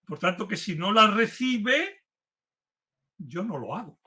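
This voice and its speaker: Speaking slowly but very animatedly, a man lectures on philosophy in a formal, university-style talk for a virtual audience. His slightly high male voice leans hard on key words, growing more earnest and emphatic as he builds toward each point.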